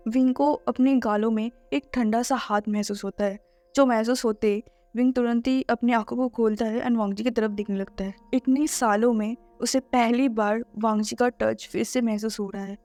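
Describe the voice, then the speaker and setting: A woman's voice: fairly high pitch, steady tone, moderate pace, dark tone, no echo, soft background music. A woman narrating a fan fiction story in an earnest, emotive way, then chatting to her viewers.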